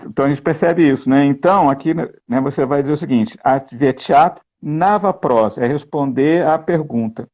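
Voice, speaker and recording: A man explaining grammar and translation in a lesson, slow and explanatory, often checking in with "né?". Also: on the high side, muffled recording. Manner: slow, explanatory, keeps asking "né?". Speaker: guest reading and translating a text.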